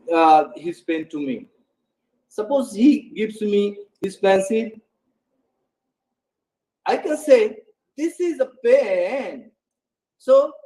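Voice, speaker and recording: A man's voice: high voice, darkish tone, low-quality recording. A man giving a lecture on English intonation to learners, hesitant, with many fillers and restarts. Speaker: English pronunciation presenter.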